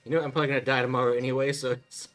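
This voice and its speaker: A man's voice: mid-range voice, flat delivery, racing, a bit bright. A man giving casual, analytical reaction commentary, explaining things in a matter-of-fact way. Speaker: reaction show co-host.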